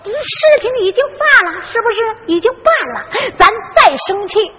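A woman's voice: very high-pitched, very animated, in a large hall, crowd noise, voice pushed up. A woman playing a foolish, blustering young son in a Henan zhuizi story performance, coaxing and threatening his father. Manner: coaxing then threatening, drawn-out.

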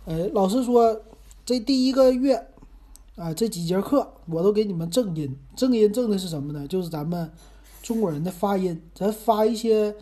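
A man's voice: sits high, expressive, moderate pace, mellow. A man with a Northeastern Mandarin accent hosting his own podcast in a chatty, rambling, self-deprecating monologue. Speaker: podcast host. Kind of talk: casual monologue.

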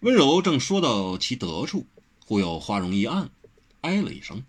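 Husky, expressive male audiobook narrator. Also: mid-range voice, moderate pace. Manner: expressive storytelling. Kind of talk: audiobook narration of a martial-arts novel.

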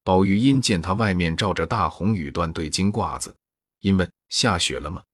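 A man reading a classic novel aloud as narrator, in a steady, even storytelling manner. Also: low-pitched, normal speed, husky, no room sound, studio quality.

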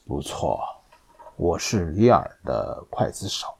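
A man voicing a grim executioner who speaks low, slow and solemn. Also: sing-song, vocal fry, a little mellow, breathy edge, full character voice.

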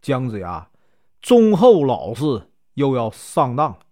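A man's voice: mid-range voice, wildly swooping pitch, takes it slowly, darkish tone, dry recording, studio quality. A man voicing an elderly male immortal who chides a foolish disciple, in a storybook telling. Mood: chiding. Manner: chiding. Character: elderly male immortal of longevity, scolding and wise.

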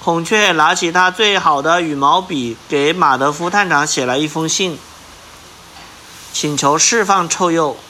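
A man reads a children's picture book aloud in a slightly high, bright, forceful voice. He breaks off now and then to put simple questions to his young listener. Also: unhurried, a little hiss or hum. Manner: stops to ask the listener questions. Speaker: storyteller reading to a child.

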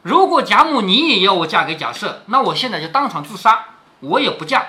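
A man's voice: sits high, sing-song, fairly quick, sharp tone. A man explaining a classic novel to his daughter, retelling the story and stopping often to ask rhetorical questions and explain old words.

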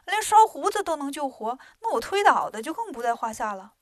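A woman's voice: sits high, sing-song, a little fast, no echo, studio quality. A woman voicing a cocky, boastful male monkey king who talks brashly and snorts at others. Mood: cheeky.

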